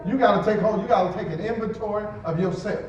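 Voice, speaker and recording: A man's voice: high-pitched, quick pace, muffled recording, a crowd in the background. A man preaching a sermon as pastor, conversational, acting out quotes and chuckling as he goes. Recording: echoey church hall from a distant mic.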